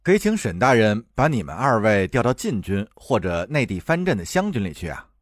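A man's voice: on the low side, very animated, brisk, dry recording, studio quality. A man voicing a modest, sincere young man who speaks courteously in a historical audio drama. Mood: easy. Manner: courteous, warm-hearted.

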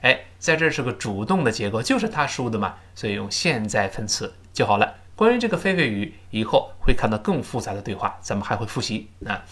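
Lively male English teacher drilling pronunciation. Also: fairly low pitch. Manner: models English words slowly and loudly, then explains in Mandarin; patient, repeats drills with "let's read it again". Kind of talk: spoken English lesson, explaining pronunciation and grammar.

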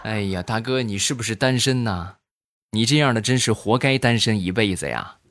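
A man telling comic stories in an animated, chatty way. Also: lowish voice, normal speed, music in the background. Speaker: comedian telling jokes. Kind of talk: comic storytelling.

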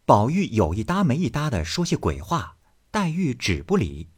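A man narrating a classic novel aloud as a storyteller, voicing the characters with an expressive delivery. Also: mid-range voice, moderate pace, husky.

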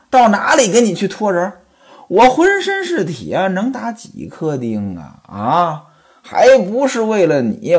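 Storyteller playing a scolding wife: indignant and shrill, with a lively, husky delivery. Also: exaggerated voice. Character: scolding sharp-tongued young wife. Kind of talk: traditional storytelling voice.

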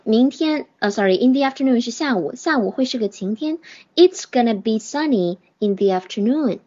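A woman teaching English in an online class, explaining in Chinese and slowly modelling English phrases with a Chinese accent. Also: mid-range voice, dull audio. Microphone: phone or computer mic.

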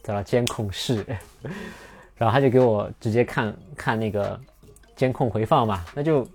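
Young male podcast host with a gravelly, low voice, casual and rambling delivery, restarts often. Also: moderate pace. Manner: rambling, many restarts and fillers. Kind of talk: casual storytelling monologue.

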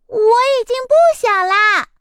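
A woman's voice: extremely high pitch, measured pace, pushed and bright, no room sound, clean studio sound, pitched above the performer's own voice, heavily acted. Woman voicing a spoiled little egg girl. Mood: sweet. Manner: pleading, whining, childish. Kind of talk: children's storybook reading.

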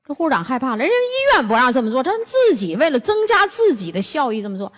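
An older woman gives a lively lecture. She tells stories bluntly and throws rhetorical questions at the audience. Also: high voice, quick pace, long reverb tail. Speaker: lecturer on health and nutrition.

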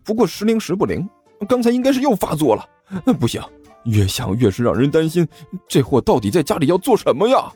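A man's voice: on the high side, very animated, fairly quick, dark tone, breathy edge, soft background music, voice pushed up. A man voicing a chubby, cheeky schoolboy who talks in a sly, teasing, sing-song way. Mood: worried.

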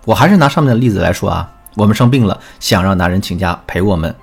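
A man delivers a scripted relationship lesson, weaving in a student's story and turning often to speak to the listener. His voice sits low with a slight husk, and the intonation stays animated throughout. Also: fast talker, creaky, breathy edge. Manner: storytelling, addresses listeners directly. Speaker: relationship coach. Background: faint background music.

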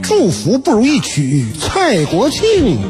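A woman presenter reading a scripted, poetic radio promo in a measured, theatrical way. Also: fairly high pitch, huge pitch swings. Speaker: radio presenter in a show jingle. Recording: loud music under the voice. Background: loud music.

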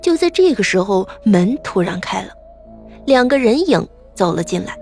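A woman narrating a story in a lively, expressive way. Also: mid-range voice, normal speed, vocal fry. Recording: faint background music.

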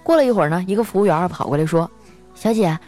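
A woman's voice: lowish voice, expressive, very fast, dark tone, faint music behind. A woman from northeast China hosting an audio show, reading listener jokes aloud in a chatty way and often laughing along. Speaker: podcast host.

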